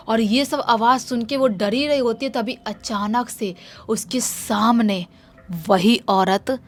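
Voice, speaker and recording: A woman narrating a horror story in a casual way and acting out the dialogue of the people in it. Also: medium pitch.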